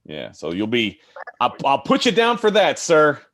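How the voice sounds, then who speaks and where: A man's voice: mid-range voice, huge pitch swings, a little slow, a bit bright. A man co-hosting a podcast, chatting casually and teasing his friends, often restarting and trailing off. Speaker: podcast co-host. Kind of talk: casual chat.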